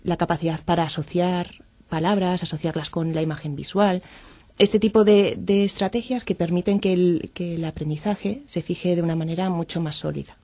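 A woman with a slightly low voice explains memory development in a measured, academic way, often restarting her sentences. The recording is dry and close. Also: steady tone, darkish tone, no echo. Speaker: guest expert.

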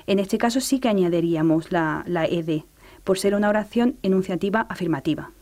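A woman teaching English grammar in a radio lesson, explaining clearly and reading English examples slowly. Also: fairly low pitch, mellow.

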